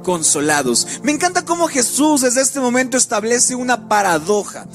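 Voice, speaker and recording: A man's voice: very high voice, very animated, moderate pace. A man preaching a sermon with a sing-song cadence, often repeating words as he goes. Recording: faint music behind.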